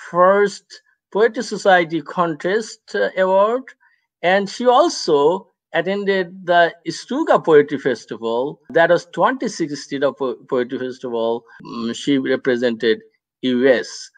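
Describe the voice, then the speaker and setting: A man hosting a live online poetry reading, introducing his guests slowly and hesitantly with many fillers. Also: fairly high pitch, distant mic, rough recording.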